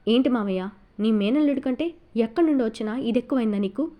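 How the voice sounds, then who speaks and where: A woman's voice: a little high, fast talker, muffled recording, close to an everyday voice. A woman reading Vasu, a sneering cruel husband. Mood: contemptuous. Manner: taunting, contemptuous. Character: cruel sneering middle-aged man, abusive husband.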